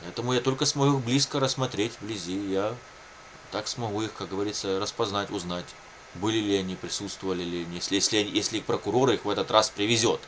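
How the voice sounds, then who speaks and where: This fast-talking man has a fairly low, fairly bright voice with fairly even intonation, and a little hiss or hum sits under it. A native Russian speaker and video blogger, he chats informally to his audience about his own situation, wandering, repeating points and using lots of colloquial catchphrases.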